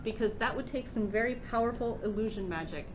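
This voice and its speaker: A woman's voice: fairly high pitch, brisk, background noise. A woman narrating a tabletop game casually as its game master.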